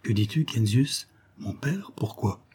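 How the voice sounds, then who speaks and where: A man's voice: mid-range voice, animated, measured pace, darkish tone, breathy edge. A man voicing a frightened young woman in an audiobook, urgent and pleading. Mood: distressed. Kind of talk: audiobook character voice.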